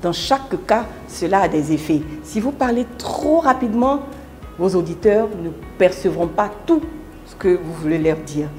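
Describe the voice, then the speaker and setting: A woman giving a public speaking lesson in scripted narration, deliberate, with emphatic pauses and big shifts between loud and soft. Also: fairly low pitch, animated, faint music behind. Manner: deliberate, with emphatic pauses and wide swings in loudness.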